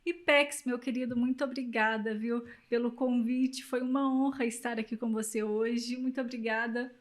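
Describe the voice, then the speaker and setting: A woman's voice: fairly high pitch, fairly even intonation, moderate pace. A woman with a Brazilian accent, a communication specialist giving emphatic, coaching advice in an interview. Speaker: guest, communication specialist and public speaker.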